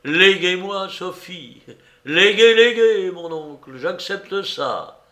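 A man voicing a hearty, blunt miller who exclaims and protests loudly. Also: sits high, animated, slow pace, reverberant, pitched above the performer's own voice, exaggerated voice. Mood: jovial. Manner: loud, exclaiming, indignant. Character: hearty male miller, blunt and good-natured. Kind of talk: audiobook character reading.

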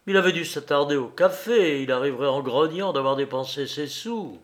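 A man reading a novel aloud as narrator, in measured, unhurried storytelling. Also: a little high.

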